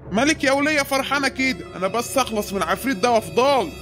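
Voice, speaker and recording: A man's voice: extremely high pitch, expressive, very fast, music in the background. A man voicing a grumbling, scared Egyptian cartoon father. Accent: Egyptian Arabic. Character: frightened, stingy cartoon father.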